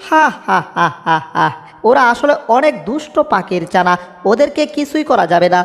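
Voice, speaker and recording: A woman plays a soft-hearted cartoon cat who whines and frets. The voice is high. It echoes with a long reverb tail. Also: lively intonation, normal speed, gravelly, faint music behind. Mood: fretful. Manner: whiny, fretful, cries out in alarm. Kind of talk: homemade cartoon dub.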